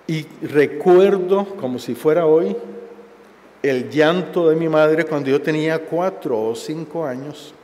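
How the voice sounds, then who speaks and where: A man in his sixties giving a formal, solemn speech at a university forum, speaking slowly and deliberately into a headset mic in a large auditorium. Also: on the high side, darkish tone. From Costa Rica. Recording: long auditorium reverb.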